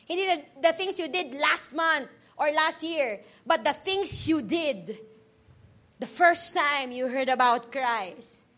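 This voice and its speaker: Young female preacher, 20s, high and bright voice, energetic storytelling delivery. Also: takes it slowly. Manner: energetic, animated preaching with sudden loud bursts; storytelling with laughs and acted-out quotes. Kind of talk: sermon.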